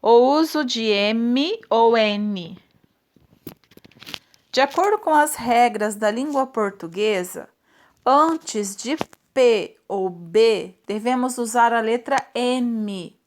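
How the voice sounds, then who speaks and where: A woman's voice: fairly high pitch, expressive. A woman teacher going through a spelling lesson for children, patiently drawing out each example word and checking in with short questions. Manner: slow, patient, stretches out example words; checks in often with tag questions.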